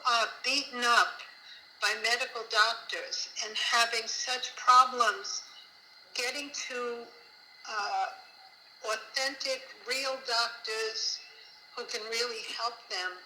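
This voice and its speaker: A woman's voice: on the high side, steady tone, slow, sharp tone, slight background noise. A woman heard over a phone on speaker, calling in to a meeting and talking hesitantly with many fillers and restarts. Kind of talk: spoken update to a group. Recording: phone speaker in an echoey room.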